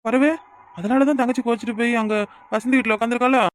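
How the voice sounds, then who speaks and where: A woman voicing a gruff, short-tempered village husband. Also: a little high, steady tone, quick pace, lightly acted. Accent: southern Tamil, Kanyakumari. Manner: gruff and demanding, snaps orders. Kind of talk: cartoon voice acting.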